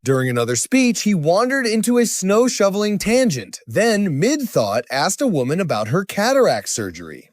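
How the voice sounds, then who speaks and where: Male narrator, high lively voice, dry close sound, wry sarcastic commentary read. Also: moderate pace, hardly any pauses, no room sound.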